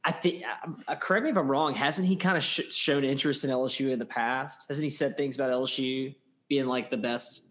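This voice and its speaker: A man's voice: medium pitch, a little fast, a bit bright. A man co-hosting a casual sports chat, rambling with many restarts and plenty of fan enthusiasm. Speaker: podcast co-host.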